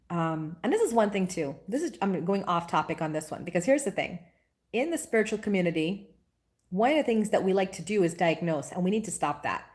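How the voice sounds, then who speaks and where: A chatty woman talks straight to her live-stream audience in an animated, personal way. She has a voice of middling pitch, and she breaks off now and then to greet viewers by name. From Guyana. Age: 40s. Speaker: spiritual teacher. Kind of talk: casual live-stream chat.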